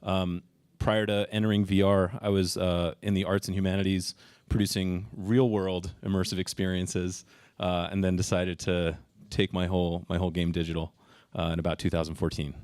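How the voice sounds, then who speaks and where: Deep, resonant, monotone man. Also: normal speed, clean tone, no echo. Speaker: panelist, studio CEO. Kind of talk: panel self-introduction.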